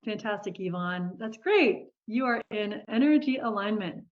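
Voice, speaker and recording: A woman's voice: medium pitch, expressive, moderate pace. A woman leading a live online group coaching session, upbeat and encouraging, often laughing as she talks to participants. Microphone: video call. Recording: dull lo-fi video call audio.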